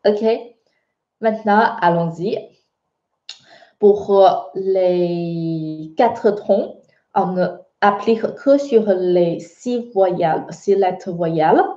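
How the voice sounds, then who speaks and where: A woman's voice: medium pitch, slow, dark tone. A woman with a Chinese accent teaching a beginner language lesson, patient and checking in with her students often. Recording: muffled, echoey room.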